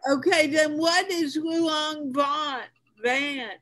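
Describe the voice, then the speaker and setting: An older woman hosting an English conversation class over a video call, speaking slowly and patiently like a teacher. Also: high-pitched, fairly even intonation, fairly bright tone, low-quality recording. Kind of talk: online video call chat.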